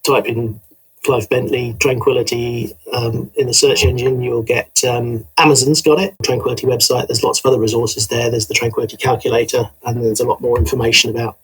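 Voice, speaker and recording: Male guest, rough-edged mid voice, hesitant conversational delivery. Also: medium pitch, level tone, low-quality recording. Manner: halting, thinking aloud. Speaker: podcast guest, author. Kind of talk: casual interview chat.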